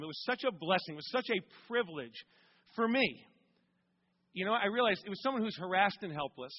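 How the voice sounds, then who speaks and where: A man's voice: high voice, slightly rough. A male pastor telling a story in a sermon, building to emphatic, rising questions. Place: church sanctuary. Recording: dull recording with long hall reverb.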